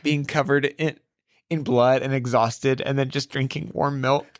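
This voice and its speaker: A man co-hosts a church podcast in a relaxed Bible study chat. He thinks out loud, full of "like" and "um", at a middle pitch for a man. The sound is dry and close. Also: unhurried, dry recording. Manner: thinks aloud, many fillers. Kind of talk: casual Bible study discussion.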